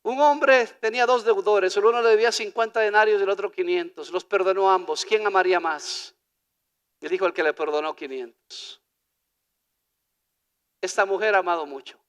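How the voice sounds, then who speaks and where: High, bright-voiced Ecuadorian preacher man. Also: normal speed, clear, resonant tone. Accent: Ecuadorian Spanish. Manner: preaching with swings from hushed to loud, calling listeners "hermano". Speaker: pastor. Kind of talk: sermon. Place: church. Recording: church hall reverb.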